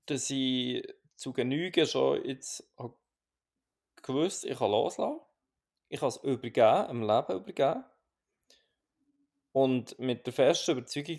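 With a Swiss German accent and a mid-range voice, this podcast co-host talks calmly and reflectively. He restarts his sentences often as the chat unfolds.

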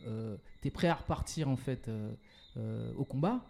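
A man being interviewed about his work as an entrepreneur and event organizer, talking casually with many pauses and restarts and slipping in English words. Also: mid-range voice, vocal fry, a little mellow.

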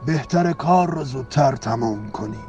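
A man's voice: medium pitch, animated, darkish tone, muffled recording, lightly acted. Dumbledore, a man voicing a kindly old wizard. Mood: gentle solemn. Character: old wise male wizard headmaster, calm, gentle. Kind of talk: Persian radio-play acting. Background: faint music.

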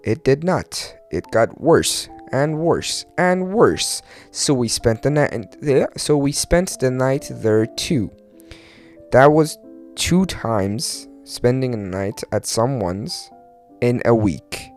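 A man's voice: mid-range voice, animated, takes it slowly, darkish tone, soft background music. A young man with a Turkish accent and imprecise R and L sounds, rambling casually and hesitantly on a solo podcast in English as a non-native speaker. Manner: rambling, hesitant, searching for words, mild swearing. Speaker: podcast host.

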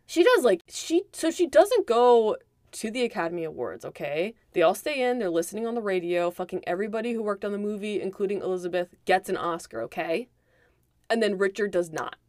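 A woman co-hosting a podcast, recapping a movie in animated, profane casual chat. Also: mid-range voice, fairly quick, dry recording. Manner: animated, profane, emphatic storytelling. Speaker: podcast co-host.

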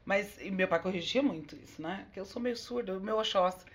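Expressive São woman in her forties. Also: medium pitch, a little fast, a little hiss or hum. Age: 40s. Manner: expressive, laughs often, emotional near the end. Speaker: guest, candomblé priestess. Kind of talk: casual interview chat.

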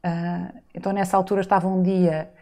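A woman's voice: lowish voice, little pitch movement, fairly quick, a little mellow. A woman in her forties from the Azores, telling her life story as a guest in a casual interview, reflective and full of rhetorical asides. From Azores, Portugal. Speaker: podcast guest.

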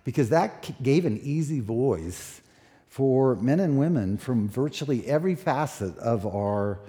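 A man in his sixties, a pastor preaching a sermon at a pulpit microphone, relaxed and conversational with many fillers. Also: medium pitch, measured pace. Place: church sanctuary. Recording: echoey church hall.

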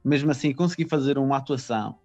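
A man's voice: mid-range voice, fast, darkish tone, muffled recording, faint music behind. A man from Madeira, chatting casually in slangy, stop-start anecdotes. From Madeira, Portugal. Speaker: stand-up comedian. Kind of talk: casual conversation.

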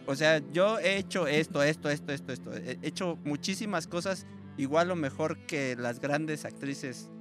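A man with a Mexican Spanish accent co-hosts a podcast, explaining points and greeting viewers by name. His voice sits a little high. Music is clearly audible behind him. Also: normal speed. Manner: explanatory, friendly, addresses viewers. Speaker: podcast co-host. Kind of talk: casual podcast chat.

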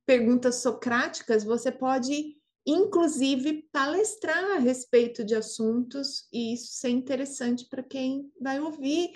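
Thoughtful woman, slightly high voice. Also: unhurried, few pauses, darkish tone. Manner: thoughtful, searching for words. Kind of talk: casual podcast chat.

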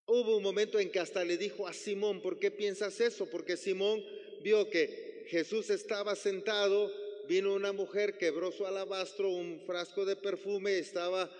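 A man's voice: sits high, flat delivery, unhurried, in a large hall. A man preaching a sermon, often asking the congregation questions. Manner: asks the congregation questions, acts out quotes. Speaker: pastor.

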